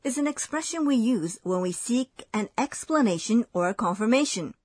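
A woman with a slightly high, breathy voice reads a scripted language lesson. Her explanations are clear and measured. The recording is dry and close. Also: lively intonation, a little mellow, dry recording.

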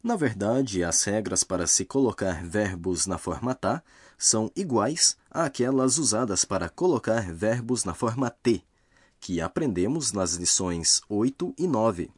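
Husky-voiced man narrating a lesson. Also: fairly low pitch, expressive, no echo, clean studio sound. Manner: slow, careful explaining of grammar rules. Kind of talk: scripted language lesson narration.

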